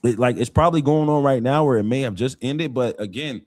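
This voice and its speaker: Male co-host, mid-pitched, talks fast and earnest, repeats lines for emphasis; dry close mic. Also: darkish tone, no room sound. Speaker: co-host of a live community talk show. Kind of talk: casual commentary on local politics.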